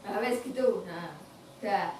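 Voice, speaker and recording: A woman's voice: medium pitch, measured pace. A young woman with a Javanese accent, a student teacher patiently coaxing young children through a music lesson with questions. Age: young adult. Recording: echoey room, voice far from the mic, faint background noise.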